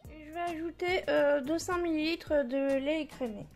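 Chatty high-voiced woman cooking at home. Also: moderate pace, darkish tone, faint music behind. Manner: chatty, many fillers, laughs at herself. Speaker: home cook vlogger. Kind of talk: casual cooking tutorial. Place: home kitchen.

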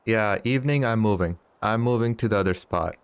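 In this casual live stream, a thirtysomething man plays a fishing game and trades teasing jabs with chat, chuckling frequently. His voice sits fairly low and smooth, moving a little fast, and the recording is dry.

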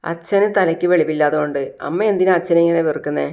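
Narrator voicing an earnest young daughter. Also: female voice, sits low, fairly even intonation, fast talker, a little mellow. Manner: earnest, questioning. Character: caring young married daughter.

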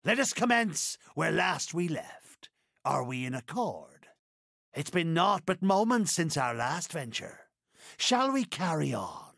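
A swaggering video game pirate captain, sly and grandly courteous. His gravelly voice sits fairly high for a man and swoops wildly through theatrical, old-fashioned phrases. He takes his time over the words. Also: big pitch swings, fairly bright tone, no room sound, studio quality, exaggerated voice. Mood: courteous, wry. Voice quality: gravelly, creaky. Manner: theatrical, drawn-out archaic pirate speech. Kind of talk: video game character voice lines.

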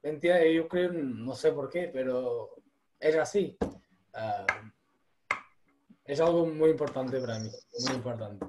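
A man's voice: mid-range voice, a little slow, long pauses, background noise. A young man from Portugal with a Portuguese accent, hosting an interview in Spanish over a video call, eager and restarting often. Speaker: host. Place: small room at home. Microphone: webcam on video call.

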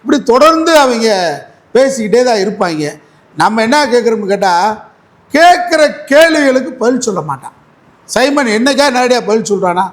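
A man's voice: very high voice, lively intonation, moderate pace. A man speaking as an advocate in a heated political interview, combative and mocking, repeating his points.

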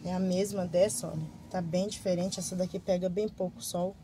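Woman chatting about her plants, gushes a lot, low-ish flat voice, bit of noise behind. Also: moderate pace, low-quality recording. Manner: gushing, repeats praise words. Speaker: gardening vlogger. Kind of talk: casual show-and-tell vlog.

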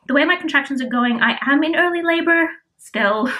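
A young woman with a fairly high voice talks casually to a camera in a small room. She is heavily pregnant and short of breath, and she sounds weary, repeating herself for emphasis in a self-deprecating way. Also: animated, fairly quick, sharp tone. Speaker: vlogger. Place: small furnished room indoors. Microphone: camera at about arm's length.

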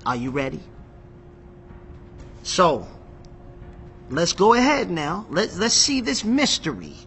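A man teaching scripture with a bright, forceful voice, pitched a little high. He talks slowly and emphatically and often repeats his words, with faint music behind him. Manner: excitable, emphatic, repeats phrases, reads scripture aloud. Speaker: Bible teacher. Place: seated in a chair.

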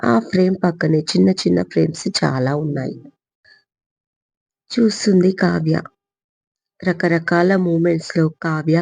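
A woman narrating her own written story in a steady storytelling manner. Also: low-pitched, vocal fry, husky, no room sound. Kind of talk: scripted narration. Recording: dull lo-fi recording.

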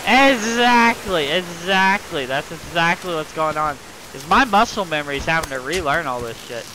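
A man streaming live gameplay who swears constantly and yells at the game as he plays. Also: on the high side, animated, moderate pace, noisy background.

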